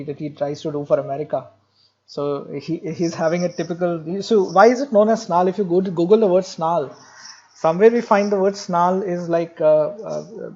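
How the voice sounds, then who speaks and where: A man lectures on medicine in a high, mellow voice. He mixes jokes into his explanations and keeps repeating the key points for his students. The recording sounds dull and lo-fi. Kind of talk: classroom lecture.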